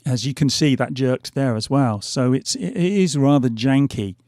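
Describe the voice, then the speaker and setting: Studio-quality, dry audio captures a middle-aged gaming host on headphones and a desk mic as he loses his voice. His mid-range voice is a little mellow at normal speed, and his casual gameplay commentary wanders, thick with fillers and restarts.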